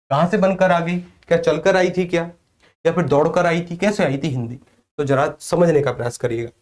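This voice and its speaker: Question-and-answer Hindi teacher, man. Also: a little high. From Vrindavan area, northern India. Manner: asks the class questions and answers them himself, repeating key points. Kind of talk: exam coaching class.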